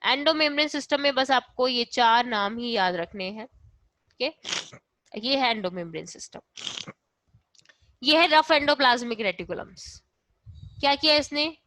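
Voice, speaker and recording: Woman teacher with a higher, dry voice. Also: animated, normal speed, pauses often, sharp tone, no room sound, low-quality recording. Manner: keeps asking and answering her own questions; checks in with "okay" after each point. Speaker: biology teacher. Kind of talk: class lecture.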